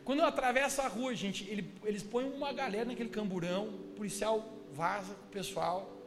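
A young man from Brazil, a pastor's son, giving a lively testimony and acting out the voices of the people in his story. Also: high-pitched, fairly quick, in a large hall, noisy background. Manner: lively, acts out quoted voices.

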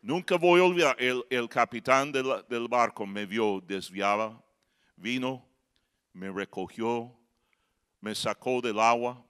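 A middle-aged man preaching a sermon, moving from quiet talk to shouted passages and acting out voices. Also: medium pitch, slow, clear, resonant tone. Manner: acts out voices and jokes with the congregation. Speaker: pastor.

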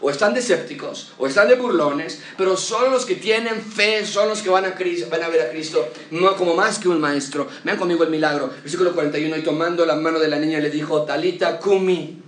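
A man preaching an expository sermon, emphatic and full of rhetorical questions, with a pace that swings from quick to slow. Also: a little high, a bit bright, reverberant, far from the mic. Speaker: pastor.

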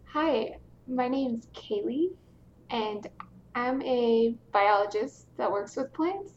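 An easygoing woman with a fairly high voice speaks slowly as a podcast guest. Her audio sounds roomy and echoey, and a little dull. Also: lively intonation, slight background noise. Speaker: guest, biologist. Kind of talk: casual chat.

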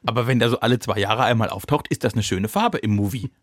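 A young man co-hosting a podcast, teasing his partner in quick casual banter. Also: on the low side, slight background noise. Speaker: podcast co-host. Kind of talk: casual chat. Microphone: studio mic.

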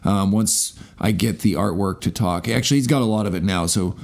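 A man's voice: low voice, brisk, vocal fry, darkish tone. A man co-hosting a casual podcast chat, playful and jokey, sometimes slipping into a mock radio-host voice.

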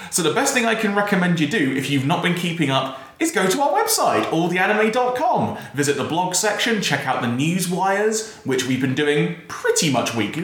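A man's voice: fairly high pitch, a bit bright. A man hosting a casual podcast, recorded in a bare, very echoey room. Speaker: podcast host. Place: bare office room with desk and chairs.

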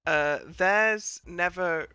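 A woman's voice: on the low side, extremely slow, bright, forceful tone, clean tone, no room sound. A woman from Northern England with a Northern English accent, hosting a casual podcast chat in a rambling way, full of fillers. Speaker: podcast host.

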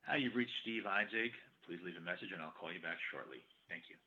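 A man's recorded voicemail greeting heard over a landline phone, brisk and businesslike. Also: low-pitched, pushed and bright. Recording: tinny phone line.

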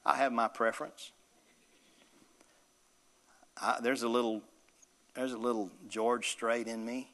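A man's voice: mid-range voice, flat delivery, unhurried, pauses often, fairly bright tone, big-room sound. A male pastor delivering an emphatic sermon with call-and-response to the congregation.

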